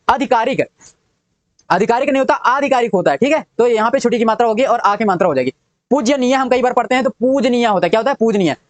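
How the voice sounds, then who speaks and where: A man's voice: very high-pitched, no echo. A young adult man teaching an exam-prep spelling lesson, repeating each word and quizzing what it turns into. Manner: drilling, repeats each word and asks "what does it become".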